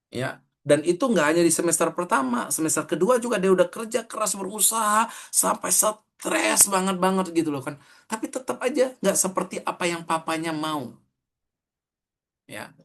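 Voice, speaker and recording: A middle-aged man, preaching a sermon in a conversational way, telling a story and acting out the quoted dialogue. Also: on the high side.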